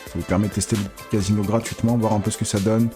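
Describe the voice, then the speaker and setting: Guy streaming slots, low voice, begging the reels and cursing, quiet music behind. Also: very fast. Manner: excitable, pleads with the reels, swears. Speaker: casino streamer. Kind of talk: casual live commentary.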